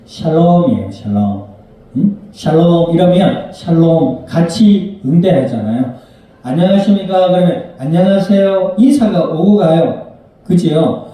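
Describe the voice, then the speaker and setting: Male pastor, a bit high-pitched, mellow tone. Chatty sermon style, asks the room questions. Far-off mic in a very reverberant church. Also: sing-song, unhurried. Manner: conversational preaching, asking the congregation questions and acting out little scenes. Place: church sanctuary. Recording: very echoey church hall, mic at a distance.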